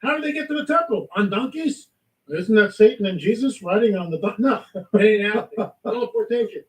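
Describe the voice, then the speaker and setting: A man telling a spiritual testimony in lively storytelling, acting out the voices in his story. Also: high-pitched, quick pace, roomy sound, far from the mic, low-quality recording. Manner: animated storytelling, acts out quotes. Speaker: guest. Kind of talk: testimony in a talk show.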